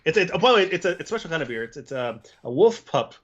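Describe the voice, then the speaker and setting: A man's voice: on the high side, sing-song, racing, muffled recording, a crowd in the background. A man co-hosting a casual livestream, joking and laughing often, stumbling over repeated words. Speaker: podcast co-host.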